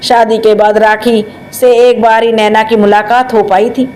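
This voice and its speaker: A woman narrates a family drama in a storybook style, reading in a steady, dramatic way. Her voice sits on the higher side, with a faint noise in the background. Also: measured pace.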